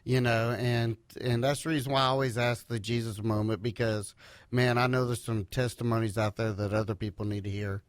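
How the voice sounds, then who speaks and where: A radio host with a drawl talks in a friendly, folksy way. He sounds dry and close to a studio mic, and his pitch sits mid-range. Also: little pitch movement, brisk, no echo. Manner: friendly, folksy, uses "y'all" and "fixing to". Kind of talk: radio interview.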